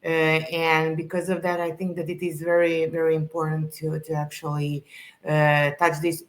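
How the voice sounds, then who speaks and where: A woman's voice: sits low, monotone, moderate pace. A woman from Serbia, speaking as a podcast guest in earnest, casual conversation, often restarting as she searches for words.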